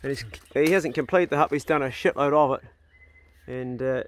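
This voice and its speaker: A man's voice: medium pitch, moderate pace. A middle-aged man with a broad New Zealand accent chatting casually as a vlog host, laid-back and slangy. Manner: laid-back slangy talk, ending with "eh" and "bro". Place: outdoors on rural land. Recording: noisy outdoor ambience.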